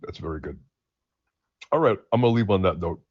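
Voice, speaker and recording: Rapid, husky young man telling stories. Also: sits low, no room sound. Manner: animated storytelling with many restarts and fillers. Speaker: stream co-host. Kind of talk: casual chat. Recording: muffled lo-fi audio.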